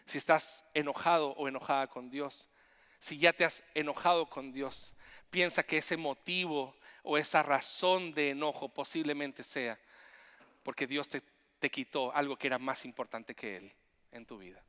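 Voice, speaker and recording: A man preaching a sermon as pastor, animated, with frequent restarts and repetitions. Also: on the high side, moderate pace, in a large hall. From Chile. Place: church sanctuary.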